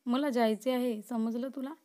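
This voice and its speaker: Lady doing a scared crying young woman, begging and defiant, higher voice, storybook vibe. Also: fairly even intonation, moderate pace, dark tone, close to an everyday voice. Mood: frightened. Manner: tearful, pleading, defiant. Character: frightened young woman, held captive.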